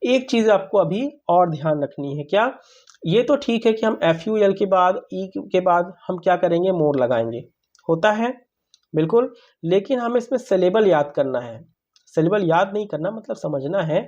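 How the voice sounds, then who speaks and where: This grammar teacher's voice sits high with a darkish tone, and the recording is muffled. He runs a classroom-style English lesson, calling listeners brother and repeatedly asking questions only to answer them himself.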